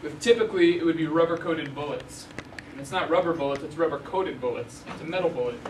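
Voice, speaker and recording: On the high side and quick in pace, a young man's voice carries through a university lecture hall. He's an Arizona journalist giving a casual slide lecture with frequent ums and restarts. A distant room mic makes the recording echoey and noisy.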